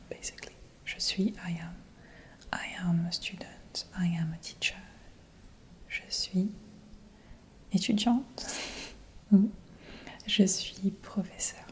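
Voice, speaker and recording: Whispering woman teaching, slow and mellow. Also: on the low side, slight background noise. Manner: whispered ASMR teaching, repeating phrases slowly; soft giggles between phrases. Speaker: French teacher. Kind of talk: whispered role-play. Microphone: close binaural mic.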